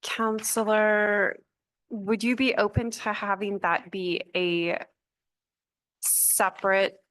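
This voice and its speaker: A woman's voice: mid-range voice, steady tone, takes it slowly, a bit bright, dry recording. A woman speaking as a city councilor, making formal remarks and motions in a meeting.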